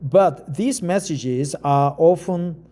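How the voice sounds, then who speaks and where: A non-native English speaker, this middle-aged Korean man reads an article aloud and chats casually in a Korean accent. His delivery is halting with frequent fillers and restarts, and his voice is warm and on the high side.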